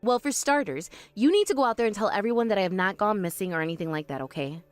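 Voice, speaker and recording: A woman voicing a calm, sharp-tongued young woman in an animated story, speaking firmly and with dry exasperation. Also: medium pitch, fast, dry recording, soft background music, lightly acted.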